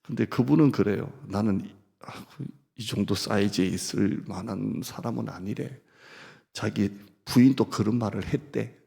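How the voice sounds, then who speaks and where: Gravelly-voiced pastor preaching in a hall. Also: male voice, on the low side, normal speed, mellow. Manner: leads congregation in call-and-response and Scripture reading; conversational, humorous storytelling. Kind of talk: sermon. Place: church sanctuary. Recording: reverberant church hall.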